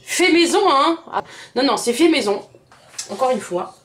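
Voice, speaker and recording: A high, somewhat bright, animated voice at a moderate pace belongs to a woman with a Southern French accent; there's a little hiss or hum. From her home kitchen she casually demonstrates a recipe, chatting straight to her viewers and often saying words twice.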